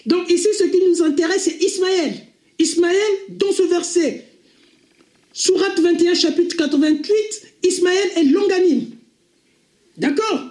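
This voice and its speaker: High, slow woman with an Arabic accent. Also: a little mellow, echoey room. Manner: deliberate, checks in with listeners, repeats key points. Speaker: religious video commentator. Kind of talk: slow explanatory religious lesson.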